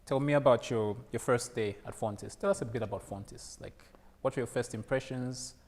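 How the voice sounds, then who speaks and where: A man's voice: medium pitch, a little fast, darkish tone. A male interviewer asks his questions playfully, with light teasing and frequent "mm-hmm" prompts. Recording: hall reverb, faint background noise.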